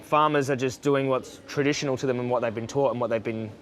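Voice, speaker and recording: A man's voice: medium pitch, fairly even intonation, quick pace, background noise. A man chatting casually as an activist, putting questions and explaining his point of view. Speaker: vegan activist. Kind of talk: casual chat.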